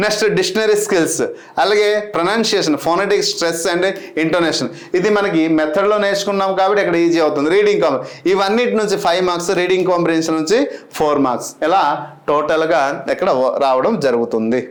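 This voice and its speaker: A man's voice: sits high, fast. A man who coaches for exams, giving a rousing talk and then listing English grammar topics. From Andhra Pradesh, India. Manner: rousing, mixes English terms into lists. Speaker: exam coach, English teacher. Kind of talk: motivational lecture and exam lesson. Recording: echoey room.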